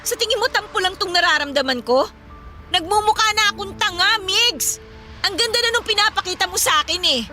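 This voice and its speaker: A woman acting in a radio drama as a tipsy, hurt and angry young woman who throws sharp, accusing retorts. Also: very high voice, expressive, a little fast, faint music behind, full character voice. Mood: distraught.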